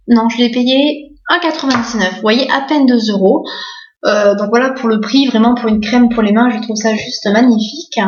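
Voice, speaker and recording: A chatty woman, her voice sitting a little high, eagerly talking through her beauty finds with constant fillers. The room is echoey, and the recording sounds dull and lo-fi. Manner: chatty, many fillers and "voilà"; enthusiastic about bargains. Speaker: beauty vlogger. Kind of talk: casual haul video.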